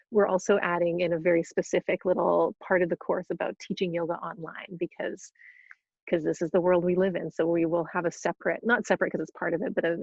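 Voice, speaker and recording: Chatty gravelly-voiced woman on a webinar. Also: on the low side, a little mellow, no echo, dull audio. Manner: chatty, bubbly, with frequent restarts and laughs. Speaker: yoga teacher trainer hosting a webinar. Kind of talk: casual live Q&A, reading questions aloud. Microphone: video call.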